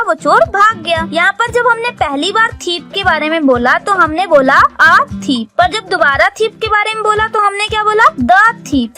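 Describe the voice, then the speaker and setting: A woman explaining a step-by-step grammar lesson for parents and young kids, reading English examples slowly and deliberately. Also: very high-pitched, sharp tone. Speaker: teacher for young kids' parents.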